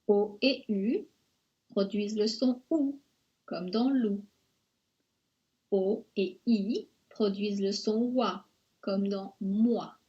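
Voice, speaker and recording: A woman narrating a French pronunciation lesson in a slow, careful, over-articulated way. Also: mid-range voice, dark tone, highs cut off.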